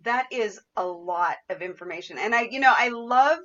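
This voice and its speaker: A woman's voice: fairly high pitch, moderate pace, a bit bright, lo-fi sound. A woman hosting a podcast interview in a conversational, effusive and appreciative way. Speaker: podcast host.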